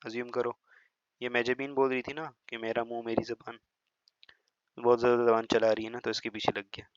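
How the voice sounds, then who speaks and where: A mid-range, smooth male voice with flat delivery teaches biology lecture-style, mixing Hindi and English while chatting, teasing, and regularly making sure students follow. He slows down and over-stresses words for pronunciation. The recording is dry, lo-fi and slightly dull, with no echo.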